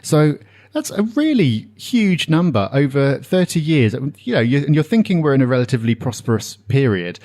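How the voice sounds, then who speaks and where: A man's voice: medium pitch, sing-song, normal speed, mellow. A man co-hosting a podcast, explaining a topic in casual chat and walking through figures with the odd um. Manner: explanatory, citing figures with some filler ums. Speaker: podcast co-host.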